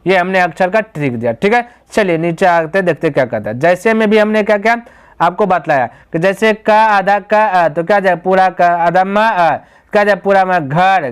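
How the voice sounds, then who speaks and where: A man's voice: high voice, smooth. A man teaching a grammar lesson. He explains step by step, asks the students rhetorical questions and answers them himself, and calls them "my brother.".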